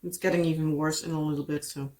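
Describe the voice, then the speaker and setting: A woman with a low, mellow voice talks fast and flatly over slight background noise. Native to Dutch and carrying its accent, she's a craft vlogger chatting casually and rambling, with plenty of "like" and "yeah."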